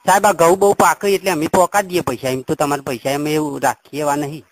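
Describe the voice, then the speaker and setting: A fast-talking man with a high-ish voice and little pitch movement prank-calls a helpline, posing as a customer. His rural Gujarati accent and rustic, rambling, naively insistent way of talking come through on a noisy phone-call recording marked by clicks.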